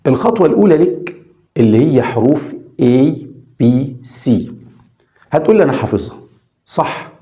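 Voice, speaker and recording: A male Egyptian Arabic speaker teaching English from scratch, with a mellow, gravelly tone. His pitch rises and falls a great deal as he poses questions and answers them himself. He repeats letter sounds slowly so learners can follow. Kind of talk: online lesson for beginners.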